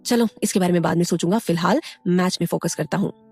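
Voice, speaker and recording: A woman's voice: lowish voice, fast talker, a little mellow, slightly rough, faint music behind. A woman voicing a cocky young college guy. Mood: teasing. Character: young male college sports star, cocky.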